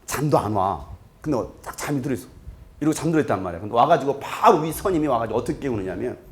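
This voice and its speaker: A man in his thirties, a pastor giving a lively sermon in a large church hall, joking with the congregation and breaking into shouts. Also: mid-range voice, rapid-fire. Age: 30s. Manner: joking, animated, bursts into shouts.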